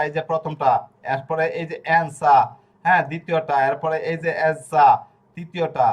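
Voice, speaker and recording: Patient male teacher spelling out syllables. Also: fairly high pitch. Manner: patient, repeats rules and breaks words into syllables slowly. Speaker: language teacher. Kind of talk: explaining Italian pronunciation in Bengali.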